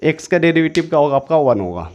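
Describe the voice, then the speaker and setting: A man's voice: a little high, very animated, quick pace, darkish tone. A man teaching an exam-prep maths lesson, repeating each step several times and correcting himself as he goes. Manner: self-correcting, says sorry mid-explanation.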